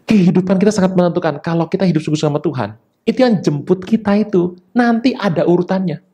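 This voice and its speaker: Here a male pastor gives a spirited sermon, darting into quick asides between sharp, high bursts of emphasis.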